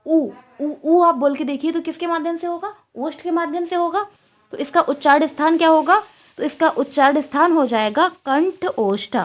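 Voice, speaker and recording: A woman's voice: sits high, normal speed. A woman teaching a Sanskrit exam-prep lecture, asking questions and repeating the answers.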